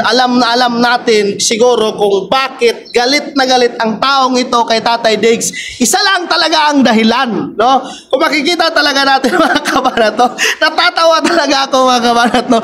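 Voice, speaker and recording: A man's voice: extremely high pitch, fairly bright tone. A man talks casually to his viewers, constantly addressing them directly and ending his lines with a questioning "no?". Faint ambient noise sits under his voice. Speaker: vlogger, political commentator.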